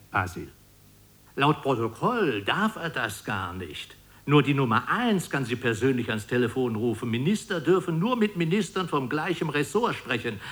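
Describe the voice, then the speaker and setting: A coarse, no-nonsense justice minister handles a phone call with blunt, matter-of-fact talk in a radio play. His voice sits at a middle pitch and moves in a lively way. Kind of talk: 1990s radio play satire.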